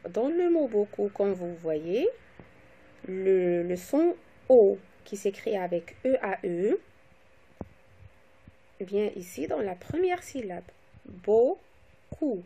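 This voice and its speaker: A woman teacher giving a slow, deliberate phonics lesson to young children, spelling out letters and syllables. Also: medium pitch, big pitch swings, warm tone, breathy edge. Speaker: primary school teacher.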